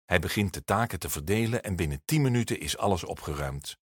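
Lively male storybook narrator. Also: deep voice, quick pace, slightly rough, no room sound, clean studio sound. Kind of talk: storybook reading for children.

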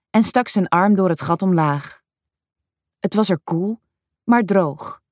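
A woman with a somewhat low voice narrates a story in a calm, measured way. The recording is dry and close, with no room echo. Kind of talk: audiobook narration.

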